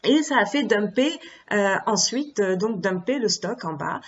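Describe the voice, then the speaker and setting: A woman explaining stock charts in a relaxed, conversational lesson. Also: mid-range voice, a little slow, a little hiss or hum. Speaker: trading teacher. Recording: dull lo-fi recording.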